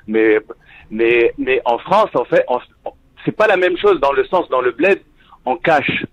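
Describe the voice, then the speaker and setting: A Tunisian man, a native Arabic speaker, calls in to a live talk stream and speaks earnestly, halting with frequent restarts. His voice is mid-range with lively intonation and a fairly bright tone, heard through dull lo-fi phone call audio.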